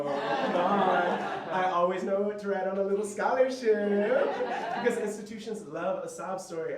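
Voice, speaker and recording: A young man from Central Florida doing a stand-up set, animated and self-mocking, often laughing. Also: a little high, background noise. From Central Florida, USA. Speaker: stand-up comedian. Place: comedy club stage. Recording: echoey club, distant mic, crowd laughter. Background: audience laughter.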